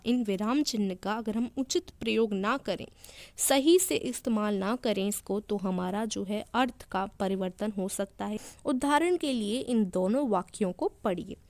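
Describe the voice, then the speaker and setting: A woman teaching young children a grammar lesson, her voice sitting a bit higher than most. She goes over each point again and again in simpler words. The sound is close and dry, with no room around it. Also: darkish tone, no echo. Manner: repeats and rephrases each point slowly for young pupils.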